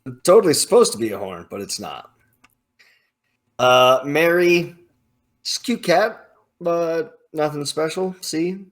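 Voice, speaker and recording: Ranking game characters in his video, this male host muses out loud in a casual, opinionated style packed with emphatic, over-the-top slang. His pitch is a little high and his intonation lively, yet he stays unhurried and leaves long pauses.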